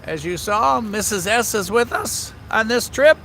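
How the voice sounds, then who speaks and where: Chatty guy live-streaming outside by the tracks at night, high voice, takes his time. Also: animated, a little slow, creaky, a bit bright, slight background noise. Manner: chatty, upbeat, talks straight to viewers. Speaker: railfan livestream host. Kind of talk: casual live-stream chat to viewers. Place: outdoors trackside in a small town downtown at night.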